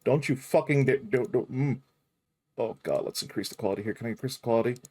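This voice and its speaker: Excitable swearing man reacting to a game trailer. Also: medium pitch, fast talker, breathy edge. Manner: excitable, swears often, talks over the clip. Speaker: reaction video host. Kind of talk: gaming reaction commentary.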